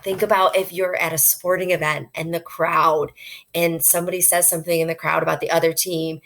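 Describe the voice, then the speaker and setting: Low, gravelly-voiced woman educator. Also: little pitch movement, fairly quick, a bit bright. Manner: earnest and conversational, explains with everyday examples. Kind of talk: informal instructional talk to parents.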